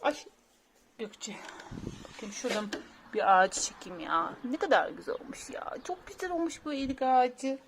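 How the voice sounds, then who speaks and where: Woman, mother, high pitch, very animated, singsong baby talk, phone camera, faint noise behind. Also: moderate pace, vocal fry. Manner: cooing, singsong, repeats herself. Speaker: mother filming her baby.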